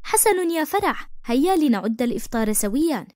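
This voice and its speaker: A woman voicing a kind, middle-aged adoptive father in an animated storybook, speaking gently and reassuringly. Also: high voice, fairly quick, dry recording, clean studio sound, voice pushed up. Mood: gentle.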